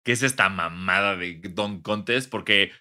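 A man's voice: deep voice, bright, forceful tone. A young man with a Mexican accent co-hosting a casual sports podcast, riffing playfully and recording remotely from home. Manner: playful, riffing, quick to laugh. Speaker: podcast co-host.

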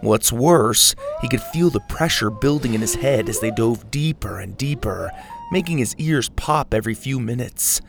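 A man narrating a storybook with expressive, dramatic delivery. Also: medium pitch, normal speed, gravelly, over music.

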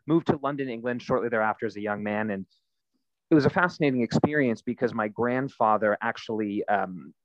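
A man in his thirties, a nonprofit founder, answering interview questions in a relaxed, storytelling way with frequent fillers. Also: fairly low pitch, no echo, dull audio.

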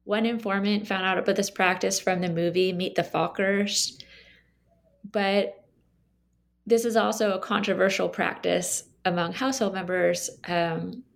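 Creaky-voiced woman explaining her research. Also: medium pitch, fairly even intonation. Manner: measured, explanatory, frequent ums. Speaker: author interviewed about her book. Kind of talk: academic interview answer.

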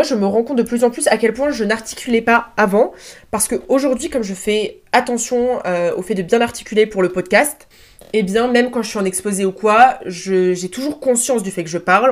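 A young woman hosting her own podcast, talking casually and informally with slang and plenty of fillers. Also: fairly high pitch. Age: young adult. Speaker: podcast host. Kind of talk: casual solo podcast talk. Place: room at home, seated on a chair.

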